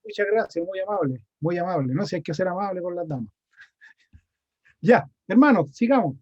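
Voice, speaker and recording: In a church meeting room, a Chilean man preaches a sermon in a Chilean Spanish accent, keeping it conversational and posing questions to the congregation. His high voice is animated and darkish in tone at a moderate pace, with the highs cut off.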